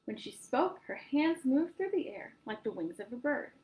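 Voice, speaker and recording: A woman storyteller reading a picture book aloud to children in an animated way. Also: high voice, a little slow, rough recording. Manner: animated, addresses young listeners.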